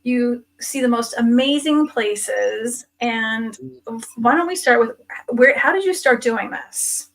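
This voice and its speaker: A woman's voice: a little high, slow, fairly bright tone. A woman hosting a show in a casual, conversational style. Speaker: show host.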